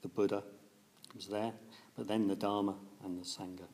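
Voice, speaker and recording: A man's voice: fairly low pitch, level tone, normal speed, darkish tone. A man giving a reflective Buddhist dharma talk, hesitant and thoughtful, with many fillers. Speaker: Buddhist teacher.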